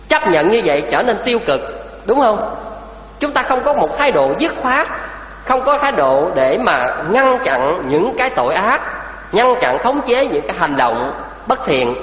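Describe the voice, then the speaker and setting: A man preaching a Buddhist sermon, emphatic and full of rhetorical questions put to his listeners. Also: high voice. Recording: echoey hall, dull lo-fi sound.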